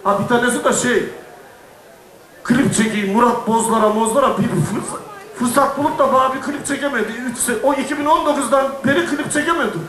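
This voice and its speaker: A man's voice: very high voice, fairly quick, fairly bright tone, distant mic. A middle-aged man from Istanbul, a folk singer chatting and joking with an audience from the stage, telling stories and laughing at himself. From Istanbul, Turkey. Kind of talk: casual stage chat to an audience. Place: stage at a crowded event venue. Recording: echoey venue, voice heard from afar.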